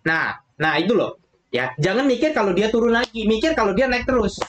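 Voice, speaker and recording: A man's voice: sits high, expressive, fairly quick, fairly bright tone, highs cut off. A man giving a chatty, casual trading lesson, repeating filler phrases and acting out quotes. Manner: chatty, repeats "gitu loh", acts out quotes. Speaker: trading educator. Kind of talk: casual lecture to viewers. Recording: echoey room with faint noise.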